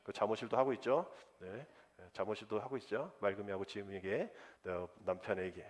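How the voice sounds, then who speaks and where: A man preaching a sermon as pastor, lively and conversational, acting out the voices of people he quotes. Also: lowish voice, fairly quick. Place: church sanctuary. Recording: long church hall reverb.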